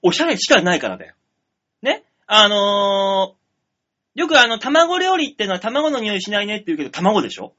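A man from the Tokyo area hosting a radio talk show, trading rough, teasing jokes with his co-host in casual comedic banter. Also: sits high, big pitch swings, normal speed, sharp tone, muffled recording.

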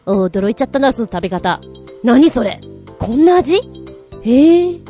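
A woman's voice: fairly high pitch, a little slow, faint music behind. A woman co-hosting a show in casual chat, telling stories playfully with giggles and exaggerated voices for quoted lines. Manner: animated, playful storytelling with giggles. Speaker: radio show co-host.

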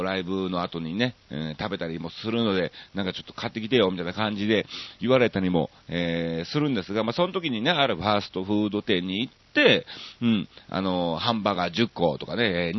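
A low-voiced man from Osaka, Japan, speaking with a Kansai accent, hosts a radio show. He chats casually and reads listener mail, filling gaps with lots of drawn-out fillers. The sound is dry and lo-fi.

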